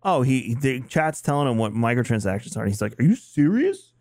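A man co-hosting a gaming podcast in casual chat, voice at an ordinary middle pitch. He rambles through restarts and laughs often, recorded dry and close. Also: a little fast, no echo. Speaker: podcast co-host.

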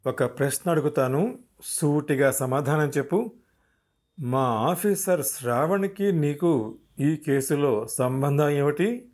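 A man's voice: fairly high pitch, takes it slowly, a little mellow. A shrewd male investigation officer in a spoken story, voiced by the narrator, direct and commanding as he questions and warns. his voice sits a little above the narrator's own. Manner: direct, warning.

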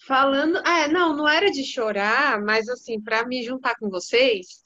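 A woman chatting casually on a podcast, quick and self-deprecating. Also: high-pitched, sharp tone. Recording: slightly dull, muffled sound.

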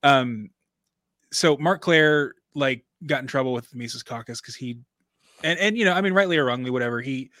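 A man with a bright, forward voice chats loosely on a podcast, rambling and circling back to correct himself. The recording is close and dry, with no room sound. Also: medium pitch, normal speed, no room sound. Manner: rambling, self-correcting, chatty. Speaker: podcast co-host. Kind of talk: casual conversational podcast chat.

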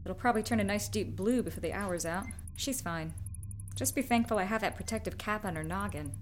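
An actress playing a wry, confident ship's medic in an audio drama, with a dry, teasing manner. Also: female voice, medium pitch, a little fast, faint music behind, close to an everyday voice.

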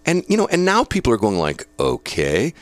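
Reading news quotes on his talk show, a man with a lowish voice lets his pitch swoop wildly while keeping a normal pace. His casual radio commentary mixes chatty, opinionated remarks and laughter, and the recording has no room sound.

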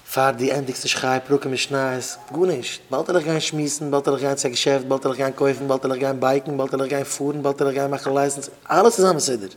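A man, a rabbi, giving an informal sermon to students, repeating phrases for emphasis and swinging between loud bursts and quiet asides. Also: medium pitch, steady tone, a little fast, few pauses.

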